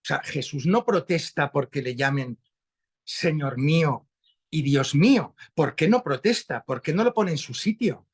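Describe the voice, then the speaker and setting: A man with an accent from Spain, explaining a Bible passage slowly and thoughtfully in a conversation over a video call. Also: on the high side, slightly rough. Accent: Spanish from Spain. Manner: slow, reflective, animated rises when stressing a point. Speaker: guest speaker. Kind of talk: conversational religious teaching.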